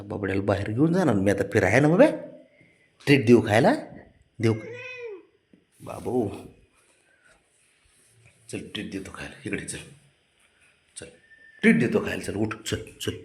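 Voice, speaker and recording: A man gently coaxing and apologizing to his sulking cat in soft baby talk. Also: deep voice, creaky. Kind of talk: casual talk to a pet.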